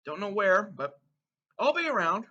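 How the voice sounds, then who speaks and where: Male snack reviewer, high forceful voice, chatty and playful with viewers while crunching chips, slightly dull lo-fi recording. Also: sing-song, moderate pace. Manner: eats crunchy chips between remarks. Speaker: food taste-test reviewer and host. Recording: dull, muffled lo-fi sound.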